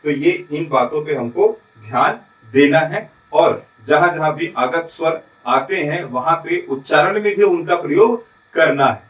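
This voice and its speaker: A man's voice: a little high, a little slow, reverberant, low-quality recording. A man from Chhattisgarh teaching a lesson with a Chhattisgarhi Hindi accent. He explains step by step, asks questions and answers them himself, and keeps checking that his students follow. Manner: adds frequent checking tags. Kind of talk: recorded classroom lesson.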